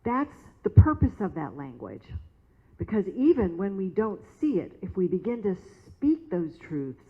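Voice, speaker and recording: A woman's voice: mid-range voice, sing-song, moderate pace, slightly rough. A woman minister preaching a sermon in a conversational, storytelling manner in a church. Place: church sanctuary. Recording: tinny phone-like sound.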